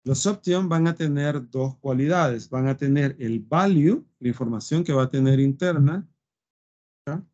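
Man, teacher, live coding lesson, mellow voice, muffled lo-fi recording. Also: medium pitch, unhurried. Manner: thinks aloud with fillers and frequent "¿sí?" checks. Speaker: web design teacher. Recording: dull lo-fi screen recording.

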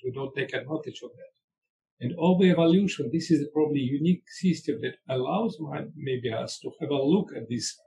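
Gravelly-voiced man, halting and earnest. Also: fairly high pitch, warm tone, a little hiss or hum, poor audio. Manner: earnest, halting, restarts and repeats words. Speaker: neuroscience professor, panel guest. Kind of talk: panel discussion.

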